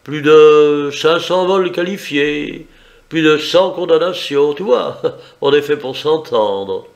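Brief: male reader voicing a cocky gentleman thief, pitched up, bargaining slowly with a rasp. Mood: boastful. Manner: teasing, confident, bargaining. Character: suave, mocking gentleman thief, adult man.

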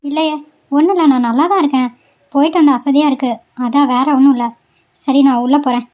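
A woman voicing a young village wife in a cartoon, talking softly and evasively. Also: high-pitched, steady tone, fast talker, lightly acted. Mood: reluctant. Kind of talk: cartoon voice acting. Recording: dull lo-fi audio.

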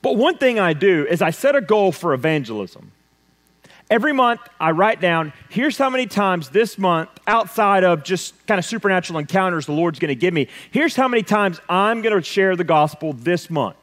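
A man preaches from the pulpit, his somewhat high voice carrying a long church reverb. He drives his points with loud emphasis, then drops to a hushed, intense delivery. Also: lively intonation, moderate pace. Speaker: pastor. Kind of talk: sermon. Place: church sanctuary.

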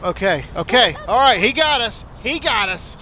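A man's voice: very high voice, expressive, normal speed, raised voice, heavy background noise. A man in his thirties giving playful, casual let's play commentary on a headset, often repeating his phrases. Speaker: host playing a video game.

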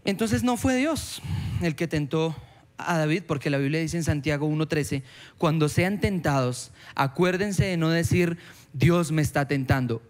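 A man preaching a sermon in a church, lively and animated, slipping into quoted voices and dialogue with sudden jumps in pitch. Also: unhurried.

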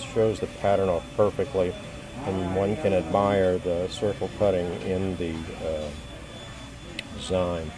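An American antiques dealer with a deep voice walks through his show booth, calmly naming each item and its price in a slow, matter-of-fact way, pausing often with ums. He's filmed on a phone camera held in hand, with the noisy show floor audible behind him.

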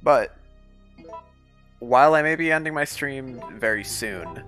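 A man's voice: medium pitch, unhurried, fairly bright tone, faint music behind. A man giving chatty live-stream commentary while playing a video game, talking to his viewers and his pet between moments of play.

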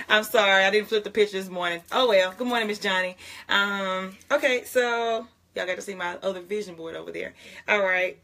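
Lady pastor chatting to y'all from her closet, kinda low voice, laughs a lot. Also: a bit bright. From Jackson, Mississippi. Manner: chatty, laughs often, addresses viewers as y'all. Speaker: pastor hosting a morning prayer livestream. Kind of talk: casual morning livestream talk with prayer. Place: home closet.

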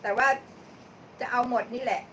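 A woman's voice: on the high side, steady tone, normal speed, a bit bright. A woman hosting a live-stream cooking show, chatting casually with viewers as she cooks, thanking them by name and laughing often. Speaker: livestream cooking host. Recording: distant mic with clear background noise.

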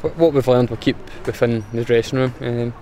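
A young Scottish footballer answers post-match questions outdoors in a matter-of-fact way, his pitch staying flat and even. Faint traffic and outdoor noise sit behind his voice. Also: fairly quick. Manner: plain, matter-of-fact, restarts with fillers. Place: outdoors in front of a sponsor board.

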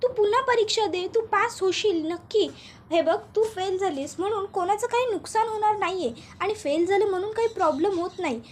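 A woman's voice: very high-pitched, moderate pace, slight background noise. A woman voicing a cheerful young wife who coaxes and reassures, read in a serial recap. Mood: reassuring. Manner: coaxing, reassuring.

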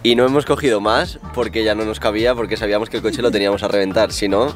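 A man, chatting to camera as a travel vlogger at an outdoor campsite, relaxed and enthusiastic. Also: fairly low pitch, quick pace, faint music behind. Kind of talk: casual chat to camera. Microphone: on-camera mic, handheld or tripod framing.

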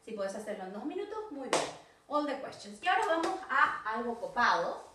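A woman teacher with a Rioplatense Spanish accent, recording a video lesson for children and modeling English phrases slowly and with exaggeration. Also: on the high side, very animated, noisy background. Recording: echoey room, distant mic.

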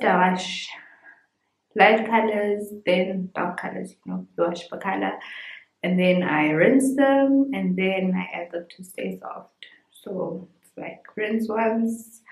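A young woman talking casually in a vlog from her bedroom, explaining each step in a relaxed way. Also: medium pitch, slow. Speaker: vlogger. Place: small home bedroom, indoors. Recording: roomy indoor sound. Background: music playing behind.

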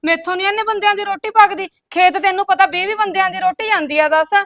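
A woman's voice: very high-pitched, quick pace, creaky, a bit bright, dry recording, full character voice. A woman playing a bossy elder sister-in-law who nags and scolds in a comedy skit. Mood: nagging. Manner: scolding, keeps tagging lines with a curt "tell me".

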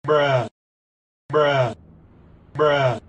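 A man giving a flat, drawn-out one-word groan, as a single short clip spliced in and repeated over and over. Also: mid-range voice, reverberant, muffled recording, heavy background noise.

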